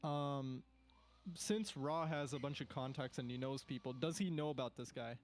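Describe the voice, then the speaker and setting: A man's voice: mid-range voice, fairly even intonation, moderate pace. A man playing a tabletop game, describing his character's actions in a hesitant, rambling way. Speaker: player.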